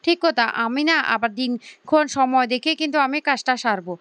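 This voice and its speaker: A woman reading the lines of a jealous, sharp-tongued married woman in a family story. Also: high-pitched, a little fast, smooth, no room sound. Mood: needling.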